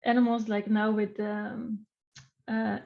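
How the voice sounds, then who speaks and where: Speaking English with a Dutch accent, this young researcher from the Netherlands is a guest on a relaxed, upbeat video-call interview about animal welfare. She takes it slowly, her mid-range voice showing little pitch movement and some vocal fry. The audio sounds dull.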